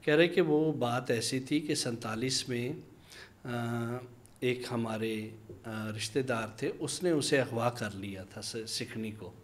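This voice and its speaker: A man from Pakistan, an interview guest telling a long anecdote. He pauses to hesitate and acts out the voices of the people in his story. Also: mid-range voice. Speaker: interview guest, minority community leader. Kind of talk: conversational storytelling.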